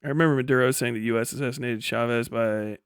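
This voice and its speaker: This livestream host talks quickly in a medium-pitched, fairly even voice with a clear, resonant tone. He reads chat and responds off the cuff, bluntly and opinionatedly, swearing heavily. The audio is studio quality with no echo.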